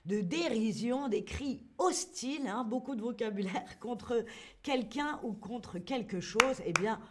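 Young woman, higher voice, unhurried and clearly articulated; playful online language teacher who acts out sounds. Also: lively intonation, heavy background noise. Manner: slow, clearly articulated, playful, reads chat names aloud; acts out shouts and boos for emphasis. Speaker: French teacher streaming to learners. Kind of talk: live-stream vocabulary lesson.

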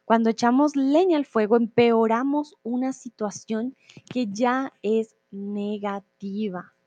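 A woman's voice: on the high side, fairly even intonation, slow pace, dark tone, no room sound, lo-fi sound. A woman teaching Spanish on a live stream, explaining expressions patiently and reading out viewer comments. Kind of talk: live-streamed language lesson.

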